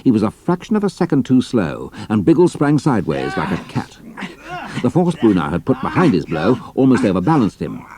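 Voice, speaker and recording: A man's voice: lowish voice, huge pitch swings, fairly quick, mellow. A man narrating an adventure story in a scripted, dramatic style.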